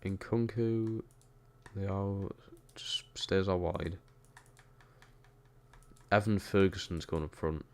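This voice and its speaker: Deep-voiced Geordie streamer. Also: male voice, extremely slow, long pauses. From Newcastle, England. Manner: chatty, reacts to the game and reads chat. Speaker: streamer playing a football game. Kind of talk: casual gaming stream commentary.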